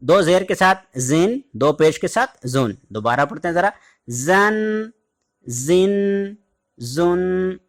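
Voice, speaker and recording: A man with a Pakistani Urdu accent teaching an online Quran recitation lesson, slowly drawing out each letter sound for students to practise. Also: on the high side, very animated. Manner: slow, careful, drawn-out letter sounds for practice.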